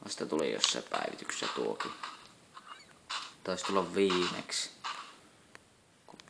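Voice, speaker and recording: A young man gives casual let's-play commentary, swearing freely and muttering in exasperation. His voice is low and gravelly, but it jumps around a lot in pitch. Loud noise sits behind the recording. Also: expressive. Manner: frequent cursing, exasperated muttering. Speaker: gameplay commentator.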